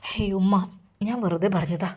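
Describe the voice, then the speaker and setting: A woman voicing a bedridden young man who speaks quietly and evasively. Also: medium pitch, normal speed, slightly rough, close to an everyday voice. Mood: subdued.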